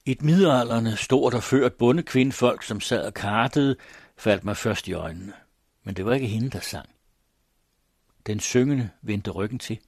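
A man narrating a classic literary story aloud in a measured, solemn manner. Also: medium pitch, husky, no echo, studio quality. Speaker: audiobook narrator.

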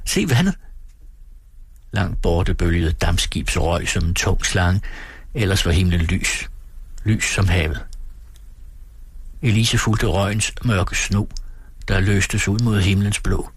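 A man reading a story aloud in a measured, lyrical manner. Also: lowish voice, breathy edge, no room sound. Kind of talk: audiobook narration.

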